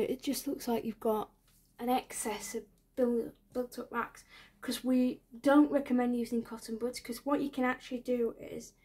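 In a small indoor room, a twenty-something ASMR creator stays close to the microphone while roleplaying an ear doctor in a soft voice. She talks very slowly in a slightly high register, pausing hesitantly and explaining in a reassuring way.

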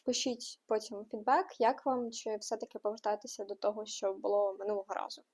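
A young woman hosting a book news vlog, running through new releases with quick asides and frank opinions. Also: mid-range voice, fairly even intonation, darkish tone, husky. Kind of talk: casual book news roundup.

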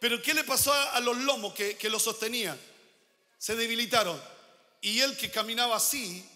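A pastor preaching a sermon with emphatic declarations and quiet asides. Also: male voice, very high voice, moderate pace, in a large hall.

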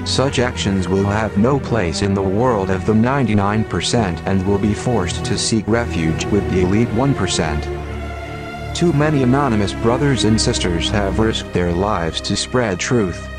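A man speaks through a disguised deep voice, low and solemn. He reads a prepared statement with grave, measured declamation. Clear music plays behind him. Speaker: anonymous spokesman. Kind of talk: scripted statement.

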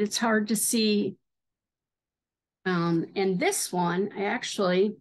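A middle-aged woman hosting a needlework video, showing items in a casual, hesitant way with many fillers. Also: mid-range voice. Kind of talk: casual show-and-tell.

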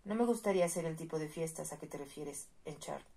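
A woman reading the lines of a proud, angry young male marquis in a storybook reading, with a forceful, exasperated delivery. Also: low voice, fairly quick, vocal fry, breathy edge, full character voice.

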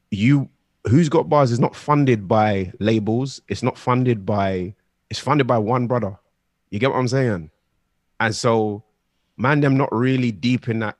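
A man's voice: fairly low pitch, no echo. A young man co-hosting a podcast, talking earnestly and pressing his points with slangy asides. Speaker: podcast co-host. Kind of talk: casual chat.

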